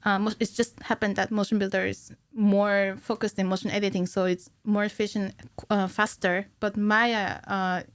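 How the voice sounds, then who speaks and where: Clear and resonant, with little pitch movement, the mid-range voice of a cinematic animator comes through without echo as she haltingly explains her technical craft. It's a casual podcast interview in a small, curtained indoor studio, with a boom-arm studio mic and headphones.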